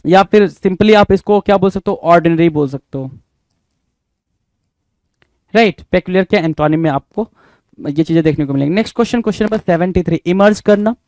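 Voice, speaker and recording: A man's voice: sits high, fairly quick, long pauses, a little mellow, no room sound. A man teaching an exam vocabulary lesson, asking the listener rhetorical questions over and over. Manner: repetitive quizzing asides.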